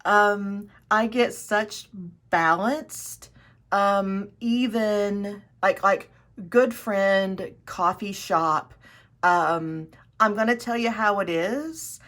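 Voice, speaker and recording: Speaking extremely slowly in a mid-range, fairly bright voice, a woman chats casually to camera on her own tarot video. She's enthusiastic, rambles, and keeps correcting herself by restarting sentences.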